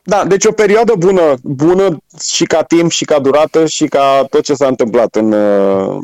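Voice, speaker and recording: A man, a former rower and radio guest, telling stories in a relaxed, anecdotal way. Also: on the high side, dry recording, rough recording. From Romania. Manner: anecdotal, chatty, laughs while telling stories. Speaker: guest, former world rowing champion. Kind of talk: casual radio interview chat.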